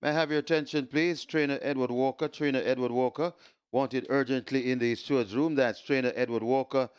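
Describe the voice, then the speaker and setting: Male track announcer over loudspeakers, smooth and measured, repeats each call, dull and dry sound. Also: medium pitch, fairly even intonation, no room sound. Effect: heard through loudspeakers. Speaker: racetrack public address announcer. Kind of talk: public address announcements.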